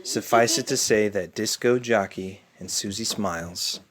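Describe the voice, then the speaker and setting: A man telling his child an improvised bedtime story in a dark bedroom, chatty and relaxed with playful asides. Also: fairly low pitch, unhurried. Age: adult.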